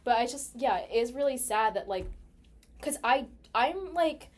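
A young woman from the United States speaks at a measured pace in a fairly high voice. She's chatty and animated, telling a personal story in casual conversation and sprinkling in "like" constantly.

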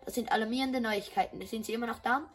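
A woman's voice: fairly high pitch, fairly even intonation, fast talker, soft background music, close to an everyday voice. A woman voicing a polite, formal male school principal in a game dub, with slight stumbles. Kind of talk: dubbing game dialogue.

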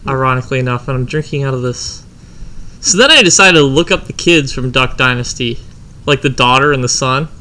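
Bright-voiced, profane storytelling man. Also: mid-range voice, animated, fairly quick. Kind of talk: casual storytelling chat.

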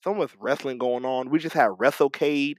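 Medium in pitch and normal in speed, this male podcast co-host chats casually about wrestling with no echo. He gets animated, with frequent stumbles, restarts and repeated words.

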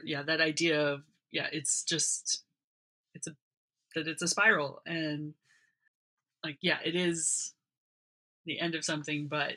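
A woman's voice: low-pitched, pushed and bright, slightly rough. A woman co-hosting a podcast, speaking hesitantly and searching for her words. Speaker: podcast co-host. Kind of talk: casual chat.

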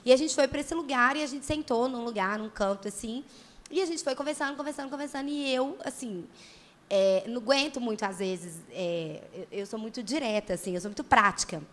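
A woman pastor chatting casually, telling a story in an animated way with many tag questions. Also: fairly high pitch, brisk.

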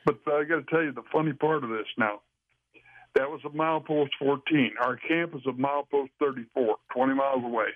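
A man telling a long story as an interview guest, rambling and halting with frequent restarts. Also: mid-range voice, no echo. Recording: dry, tinny phone line.

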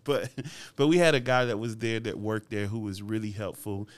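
A man's voice: fairly low pitch, moderate pace, smooth. A man hosting a casual faith-based podcast, telling stories in a laid-back way and laughing often. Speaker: podcast host.

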